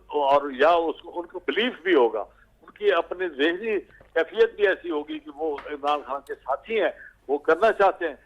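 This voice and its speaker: A man speaking as a political guest on a talk show, halting and full of filler sounds. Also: a little high, phone-quality sound.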